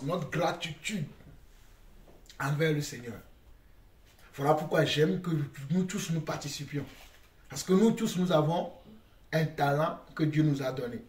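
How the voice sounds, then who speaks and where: A man's voice: fairly high pitch, a little mellow. Earnest middle-aged man preaching at home. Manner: earnest, exhorting, repeats phrases. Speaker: father leading family worship. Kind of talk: family devotional talk. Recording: echoey room, distant mic, music behind.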